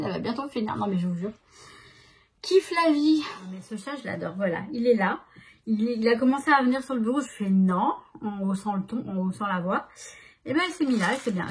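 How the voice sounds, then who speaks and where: A woman's voice: mid-range voice, slight background noise. A woman chatting casually to her viewers at home, rambling along with many restarts. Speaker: vlogger. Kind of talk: casual vlog chat to viewers. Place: at home by a desk.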